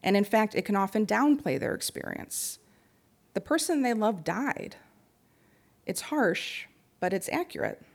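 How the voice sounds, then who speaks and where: A young adult woman giving a prepared talk on supporting grieving people, speaking gently and pausing often. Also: medium pitch, lively intonation.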